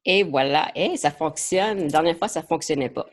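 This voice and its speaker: Low-pitched and moderately paced, a woman leads a live online training as a marketing coach. She's a native English speaker with an English Canadian accent whose casual French borrows English words, and she frequently hesitates and repeats words.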